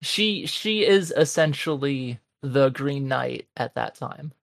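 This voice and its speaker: Gravelly man with wry quick remarks. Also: mid-range voice, animated, no room sound. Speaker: podcast guest. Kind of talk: casual movie review chat.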